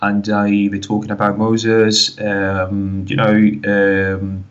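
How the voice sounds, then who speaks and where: This Canary Islands man has a Spanish accent and appears as a guest in an informal interview, hesitating often and filling silences with "like, you know." His voice sits on the low side and stays monotone, captured with lo-fi sound.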